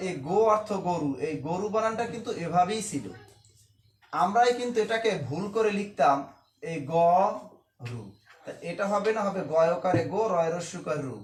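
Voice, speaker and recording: High-voiced man teaching a class. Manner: explains step by step, asks and answers his own questions. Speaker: Bengali language teacher. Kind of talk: classroom lecture. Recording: roomy echo, faint ambient noise.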